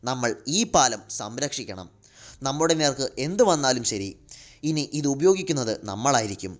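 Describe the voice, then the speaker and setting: A man's voice: mid-range voice, expressive, moderate pace, lightly acted. A man voicing a firm, authoritative goddess queen giving orders in a comic retelling. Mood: commanding. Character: commanding queen mother goddess, female.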